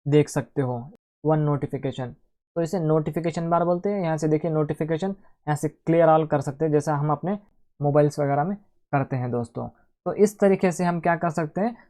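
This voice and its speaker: A man's voice: fairly high pitch, mellow. A man hosting a casual screen-recorded computer tutorial, chatting to viewers as friends and talking through each step aloud. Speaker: tech tutorial host.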